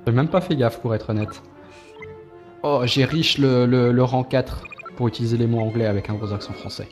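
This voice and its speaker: A young man hosting casual gameplay commentary, relaxed and joking, laughing often. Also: medium pitch, normal speed. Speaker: gaming channel host. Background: game music.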